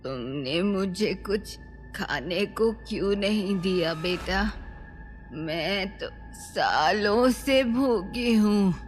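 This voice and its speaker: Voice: mid-range voice, animated, extremely slow, faint music behind. A performer voicing a hungry, vengeful old woman ghost in a horror audio drama, menacing and wailing. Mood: mournful menace. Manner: taunting, wailing.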